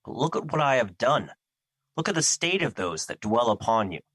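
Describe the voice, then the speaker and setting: A man's voice: medium pitch, big pitch swings, moderate pace, a bit bright, husky, dry recording. A man playing a despairing, self-doubting embodiment of fear in an audio drama, speaking formally and solemnly. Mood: doubtful. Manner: formal, solemn, earnest diction. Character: Fear, male personified emotion, despairing, humble, doubting himself. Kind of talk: theatrical audio drama acting.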